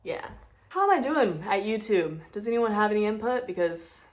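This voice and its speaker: A woman's voice: medium pitch, very animated, moderate pace. Young woman, casual phone vlogger, chatty and playful, big-sister advice tone. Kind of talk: casual chat to camera. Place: at home indoors.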